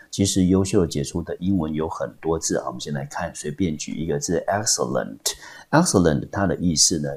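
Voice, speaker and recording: A man's voice: rumbling low, a little mellow, slightly rough. A male English teacher with a Taiwanese Mandarin accent, explaining a vocabulary word patiently and step by step, with frequent filler particles. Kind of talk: vocabulary lesson. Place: Taiwanese high school lesson recording.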